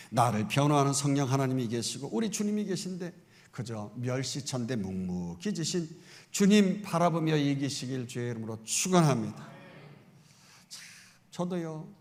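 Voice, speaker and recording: A middle-aged male pastor preaches with fervor, his fairly high voice rising into loud exclamations and then easing into chatty rhetorical questions. The sound carries a long reverb from a church sanctuary. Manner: fervent, emphatic preaching with sudden loud exclamations; conversational asides and rhetorical questions to the congregation. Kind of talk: Sunday sermon.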